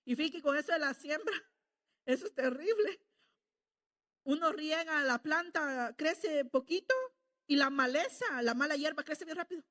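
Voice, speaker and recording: A woman's voice: high-pitched, normal speed, fairly bright tone. A middle-aged woman preaching a sermon in a conversational way, often checking in with the congregation. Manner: conversational, asks the congregation "¿verdad?".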